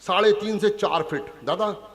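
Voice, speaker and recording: A man's voice: high voice, unhurried, big-room sound. A man from Punjab performing stage comedy at a poetry gathering, teasing the audience in a chatty way. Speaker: stand-up comic poet. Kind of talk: hasya kavi sammelan stage comedy.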